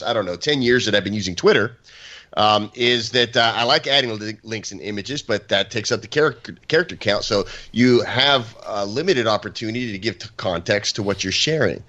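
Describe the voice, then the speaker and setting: A man co-hosting a tech podcast who talks in a halting way, with many fillers and restarts. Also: fairly low pitch, bright, forceful tone, dull audio. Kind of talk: casual tech podcast chat.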